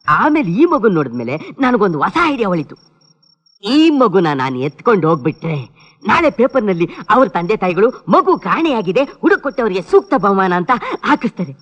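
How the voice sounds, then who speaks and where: A man's voice: high voice, long reverb tail, highs cut off. An actor playing a scheming, bumbling man who kidnaps a child, fussy and stammering in a film comedy. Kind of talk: 1990s film comedy acting.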